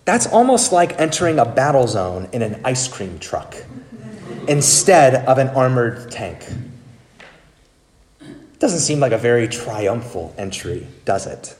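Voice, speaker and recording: A man's voice: medium pitch, big pitch swings, unhurried, darkish tone. Wry conversational preacher man. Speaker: pastor. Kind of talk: sermon. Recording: roomy church echo.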